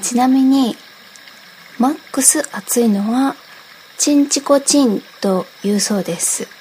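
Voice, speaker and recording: Brief: woman radio host, fairly high voice, chatty, reads listener mail and explains dialect words. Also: slow, darkish tone, slight background noise, low-quality recording. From Okayama, Japan. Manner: explains regional dialect phrases, reading example lines aloud. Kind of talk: casual radio talk reading listener requests.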